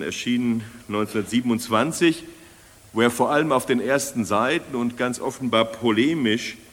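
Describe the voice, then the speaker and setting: An older man giving an academic lecture, speaking deliberately and repeating key phrases as he restates them. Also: medium pitch. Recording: long lecture-hall reverb.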